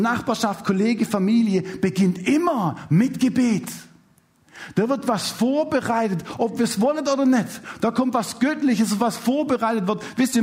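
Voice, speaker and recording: A male pastor telling a personal story in a sermon, speaking to the audience with lively storytelling. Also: sits high. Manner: animated storytelling, addresses the audience directly.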